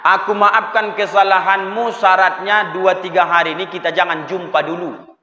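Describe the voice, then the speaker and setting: A grudging older sister , put on by a male preacher, grumbles curtly. The voice sits low and quiet against a long hall reverb. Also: little pitch movement, moderate pace, muffled recording.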